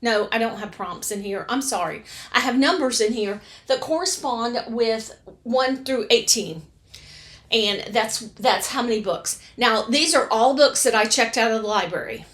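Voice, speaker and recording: A woman's voice: fairly high pitch, measured pace, fairly bright tone. A middle-aged woman chatting casually to camera from her home reading room, rambling and correcting herself as she goes. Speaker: book vlogger.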